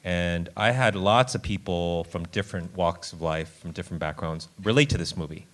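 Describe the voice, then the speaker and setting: A man, a film director, answering audience questions in a relaxed, chatty way. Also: deep voice, normal speed. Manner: relaxed, chatty, thinks aloud. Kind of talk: casual festival Q&A answers. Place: film festival screening.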